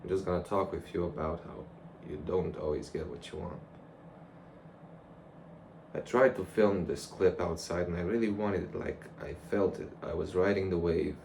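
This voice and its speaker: A man's voice: deep voice, fairly even intonation, moderate pace, darkish tone. A young man rambling casually and reflectively to a camera, in a loose conversational monologue. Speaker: vlogger. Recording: clear background noise.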